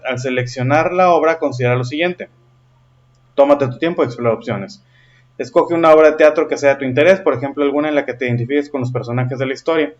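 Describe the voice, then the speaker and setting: A man teaching a lesson patiently and often checking in with his listeners, in a slightly dull recording. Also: fairly high pitch. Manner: patient, checks in with frequent questions. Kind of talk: explaining a lesson.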